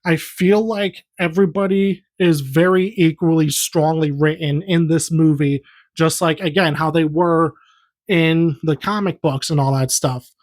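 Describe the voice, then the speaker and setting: A man's voice: a little high, steady tone, a little slow. A young man giving a heated, profane, rambling movie review in a casual vlog. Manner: heated, profane, repetitive ranting.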